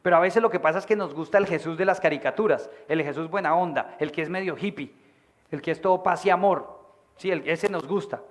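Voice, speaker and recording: A man's voice: a little high, fairly quick. A man preaching a sermon to his church, projecting his voice and acting out characters in the stories. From Colombia. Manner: animated, acts out voices of people in stories. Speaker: pastor. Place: church meeting hall.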